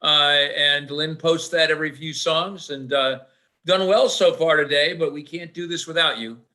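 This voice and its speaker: Bright-voiced man hosting an online folk sing. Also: a little high, steady tone, normal speed. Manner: friendly, reads out the singer lineup. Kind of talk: emcee announcements. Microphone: video call.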